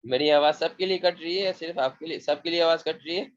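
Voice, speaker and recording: A man's voice: a little high, dull audio. A male religious teacher giving an online class, his voice breaking up and cutting out over the video call as he questions his students. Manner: measured, addresses students with questions. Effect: choppy, cutting-out video call audio.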